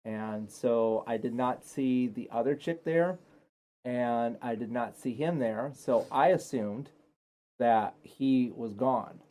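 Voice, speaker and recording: A man's voice: medium pitch, slow, mellow. A young man telling his side of a story in a laid-back, rambling, profane way as a guest. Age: young adult. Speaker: guest, host's partner. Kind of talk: casual storytelling chat.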